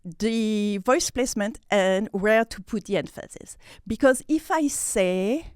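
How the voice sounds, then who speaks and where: A woman's voice: mid-range voice, slow, darkish tone, clean tone, no room sound, clean studio sound. A woman from France with a French accent, a guest in a casual interview, speaking expressively, breaking into laughs and repeating words as she searches for them.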